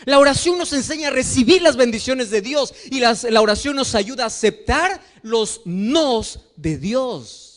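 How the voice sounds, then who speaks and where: A man's voice: very high voice, animated, unhurried, few pauses. A middle-aged male pastor preaching a sermon to his congregation, impassioned and sing-song, often putting questions to the listeners. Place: church before a congregation.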